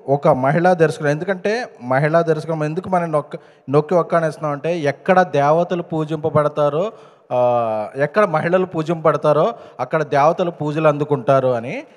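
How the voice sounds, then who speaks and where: A male producer addresses a film event crowd from the stage, his fairly high voice pushing hard on the points he wants to land. He weaves English phrases into his speech. The sound rings with the long reverb of a large hall. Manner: emphatic, rising to loud stresses.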